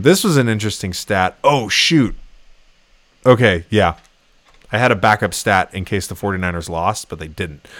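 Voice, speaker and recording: Lively sports podcast host, man. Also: on the low side, no echo. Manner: animated, laughs often. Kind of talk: casual sports chat.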